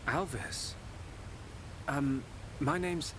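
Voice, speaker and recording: High-pitched, earnest young hero, Shulk. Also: male voice, very slow, noisy background. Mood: puzzled, hesitant. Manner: urgent, hesitant, intense. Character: earnest, startled teenage swordsman hero. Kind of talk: video game cutscene voice acting. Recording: loud music behind the voice.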